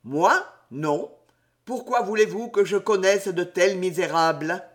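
A man voicing a calm, mysterious gentleman who answers cordially and in a natural voice, in a storybook reading. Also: high-pitched, measured pace. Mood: suave.

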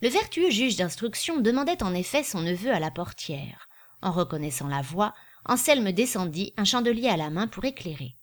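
A woman narrating a classic novel in a steady, clear voice. Her reading is measured and unhurried. She carries the story between the characters' lines. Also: medium pitch. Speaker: audiobook reader. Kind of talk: literary narration.

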